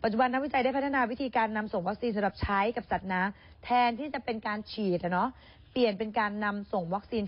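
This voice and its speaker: A woman co-hosts a news show and talks to viewers in a quick, chatty way. Her voice sits fairly high and moves fast. The sound is somewhat dull and lo-fi. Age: adult with a child. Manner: chatty, addresses viewers directly. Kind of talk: casual news chat.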